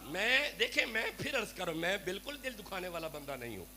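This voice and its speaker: A man's voice: high voice, sing-song. A Pakistani man with a Punjabi accent preaching a devotional sermon to a gathering, fervent and pleading as he addresses his listeners directly. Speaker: Sufi preacher. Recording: noisy live recording with hum.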